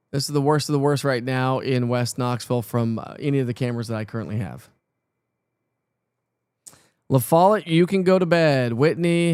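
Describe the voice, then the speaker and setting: A man's voice: mid-range voice, a little mellow, clear, resonant tone, no echo, clean studio sound. A man presenting live severe weather coverage off the cuff, talking informally and directly to viewers.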